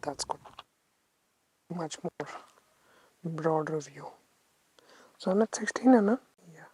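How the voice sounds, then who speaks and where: A woman with a North Indian accent talking casually as a photography vlogger, haltingly thinking aloud. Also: fairly low pitch, breathy edge, poor audio. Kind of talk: casual vlog talk to camera.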